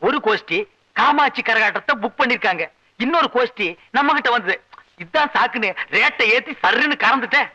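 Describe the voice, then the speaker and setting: An actor playing a scheming, jokey elder-brother figure who manages a troupe, in a 1980s film drama. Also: male voice, very high-pitched, lively intonation, a little fast, pushed and bright, full character voice. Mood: teasing. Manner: chatty, teasing, conspiratorial. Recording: dull lo-fi film soundtrack.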